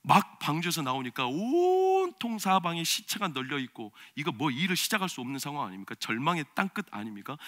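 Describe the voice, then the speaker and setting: A pastor preaching from the pulpit, his voice high-pitched and very bright. He moves from loud, emphatic passages to quiet, confiding stories. A man's sermon delivery. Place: church sanctuary.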